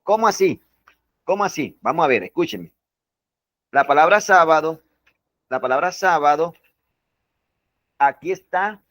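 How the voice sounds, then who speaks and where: Slow, deliberate teacher, a man. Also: on the high side, lively intonation, fairly bright tone, dry recording. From Colombia. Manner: slow, repetitive, stresses words one by one; keeps asking the class to confirm. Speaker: English teacher. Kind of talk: classroom lesson. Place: classroom with students.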